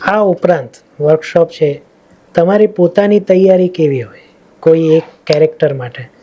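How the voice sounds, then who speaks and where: A man with a Gujarati accent hosting a podcast, asking calm questions in casual interview chat. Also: fairly high pitch, moderate pace, lo-fi sound. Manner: calm questioner, many short "hmm" backchannels. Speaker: podcast host.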